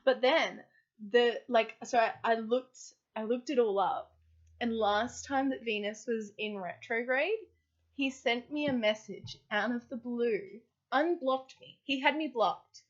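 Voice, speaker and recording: A woman co-hosting a podcast, telling anecdotes in animated casual chat and laughing easily. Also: on the high side, a little slow, muffled recording. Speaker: podcast co-host.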